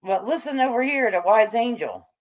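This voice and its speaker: This livestream host is an American woman of middle age or older who grew up among hippies. She chats with viewers casually, answering their comments with irreverent, slangy, salty jokes in a slightly low voice that's expressive and at a normal speed.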